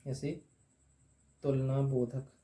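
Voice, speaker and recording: In a warm, mid-range voice with little pitch movement, a man teaches grammar. He asks and answers his own questions, slowly repeating each term while writing it on the board.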